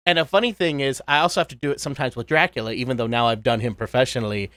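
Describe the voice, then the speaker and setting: A man's voice: medium pitch, rapid-fire, no room sound. A man in his thirties, a voice impressionist chatting casually in an interview and slipping into cartoon voices. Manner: animated, drops into cartoon voices. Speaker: voice impressionist guest.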